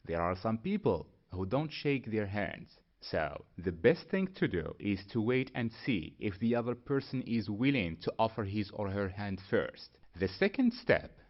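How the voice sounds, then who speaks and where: A man explains a lesson in a careful, deliberate way and sets out each step plainly. His voice moves up and down with a lot of energy. The recording sounds dull and lo-fi. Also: lowish voice, sing-song. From Morocco. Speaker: English teacher. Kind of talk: scripted lesson to camera.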